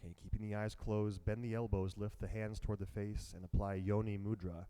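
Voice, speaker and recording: Low, mellow-voiced man guiding a meditation. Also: clear, resonant tone. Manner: slow, calm and soft-spoken. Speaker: meditation teacher. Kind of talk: guided meditation instruction.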